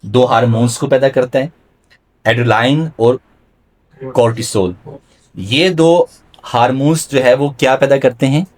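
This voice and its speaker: A man's voice: medium pitch, long pauses, darkish tone. A male religious scholar giving a classroom lecture, putting questions to his listeners and mixing English terms into his explanations. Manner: quizzes the audience with questions and mixes in English terms.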